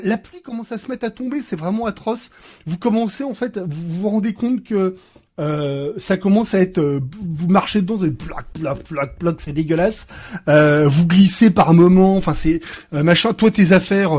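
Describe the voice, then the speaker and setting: A man's voice: a little high, darkish tone. A man narrating as game master of a tabletop role-playing game, hesitant with frequent filler sounds and restarts, adding playful sound effects to his descriptions.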